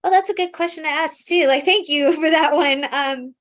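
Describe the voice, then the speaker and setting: Speaking at normal speed in a high, slightly bright voice, this American scholar answers interview questions casually. She is thoughtful in her explanations, though she often uses fillers and restarts her sentences.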